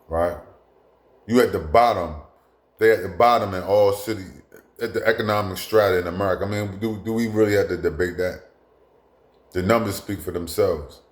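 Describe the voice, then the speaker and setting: Bluntly commenting in a casual monologue, a low-voiced man swears, repeats himself, and keeps restarting and tossing in asides. The room he's in is echoey.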